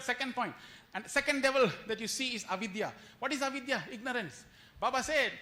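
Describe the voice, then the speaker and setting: Speaking at a retreat, this man delivers a devotional lecture in a very high, sharp-toned voice. He tells stories with acted-out quotes and rhetorical questions, and he repeats phrases for emphasis.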